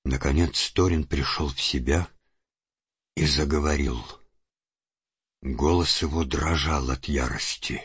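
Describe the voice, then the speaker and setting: A man narrating an audiobook in a steady storytelling manner. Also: a bass voice, measured pace, pauses often, slightly rough, no room sound, muffled recording. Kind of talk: scripted narration.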